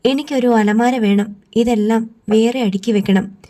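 A woman's voice: on the high side, fairly even intonation, unhurried, mellow, natural voice. A woman reading an audiobook, voicing a stubborn young woman who questions and holds firm.

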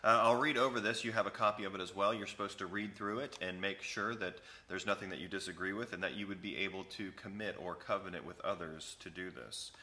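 In an empty indoor sanctuary lined with wooden pews, a pastor in his thirties speaks close to the camera, reading out a church covenant for new members. He talks in a low register at a quick pace with few pauses, conversationally unpacking each passage and using plenty of fillers.

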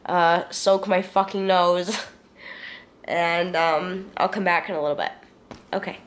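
Curled up on her living room couch, a young vlogger with a head cold speaks right into a handheld camera close to her face, sounding congested, stuffy and nasal. She rambles chattily and easily, swearing casually, in a lowish voice with little pitch movement and a measured pace. There's a little hiss or hum.

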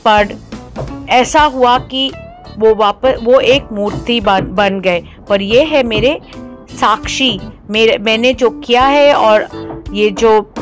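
A woman voicing a poor young village man who pleads with his god and earnestly tells his story. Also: a little high.

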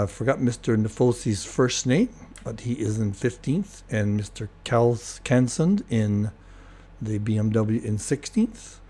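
Older man with a cracking voice, rambling. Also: medium pitch. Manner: relaxed, rambling, many fillers and restarts. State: voice cracking, clearing throat. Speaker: host of a sim racing replay show. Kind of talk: casual race replay commentary.

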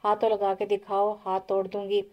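A woman's voice: mid-range voice, flat delivery, fairly quick, muffled recording, natural voice. A woman voicing a feisty young woman in an audio novel, answering back defiantly. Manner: sharp-tongued, defiant.

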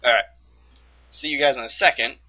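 A young man giving excitable gameplay commentary as a let's play host, exclaiming and laughing often. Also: mid-range voice, a little fast, breathy edge, lo-fi sound.

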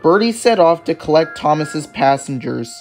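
Gentle male storybook narrator. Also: fairly high pitch, lively intonation, normal speed, soft background music.

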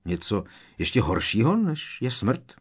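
A man's voice: on the low side, big pitch swings, slightly rough, voice pushed up. A man voicing a nervous, worried teenage boy wizard in an audiobook. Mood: anxious. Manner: worried, quick questions.

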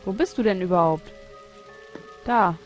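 A woman's voice: medium pitch, measured pace, faint music behind. A woman commenting casually on her gameplay, muttering and puzzling aloud as she thinks. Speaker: let's play host.

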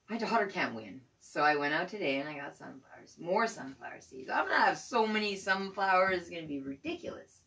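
A woman co-hosting a casual chat show, chatty and quick to laugh. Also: sits low, fairly bright tone, distant mic, poor audio. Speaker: co-host.

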